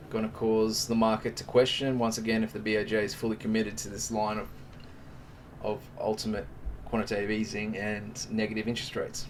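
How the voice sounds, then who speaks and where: A man with a lowish voice hosts a trading live stream, giving casual, joking market commentary and calling viewers "mate" as he chats with them. He's recorded from a distance, with a little hiss or hum.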